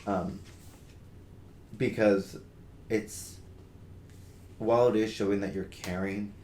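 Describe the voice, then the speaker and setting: A man's voice: lowish voice, steady tone, slow pace, mellow. A young man co-hosting a podcast in casual discussion, talking earnestly with many fillers and restarts. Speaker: podcast co-host. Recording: roomy with faint noise.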